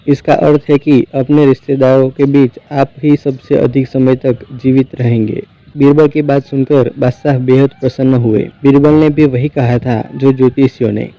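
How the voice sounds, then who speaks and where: A man reading folk tales aloud as a storyteller, in an even, measured narration. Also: medium pitch, no room sound. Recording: dry, slightly dull recording.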